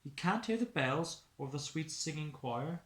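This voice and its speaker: A male teacher with a slightly high voice reads a picture book for young children. He is expressive and explains things simply. The room is noticeably echoey. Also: measured pace. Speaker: early years class teacher.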